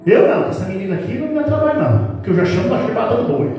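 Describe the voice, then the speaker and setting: A man's voice: high-pitched, very animated, rapid-fire, mellow, highs cut off. A man preaching a playful church sermon, teasing the congregation as he talks. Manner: playful, teasing the congregation, acts out family scenes. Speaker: pastor. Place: church hall. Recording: roomy hall reverb from a distant mic, music behind.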